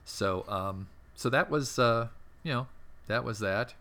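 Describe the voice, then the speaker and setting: A middle-aged man telling long anecdotes in an interview, rambling and animated, with many fillers and restarts. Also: mid-range voice, unhurried. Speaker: interview guest, former theme park entertainment manager. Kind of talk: casual storytelling interview.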